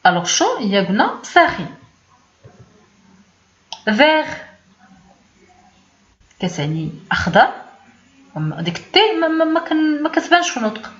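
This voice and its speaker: A woman's voice: high-pitched, very animated, quick pace, fairly bright tone. A woman with a Moroccan accent teaching a beginners' language lesson, explaining patiently and repeating words. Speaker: French teacher. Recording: echoey, dull lo-fi room sound.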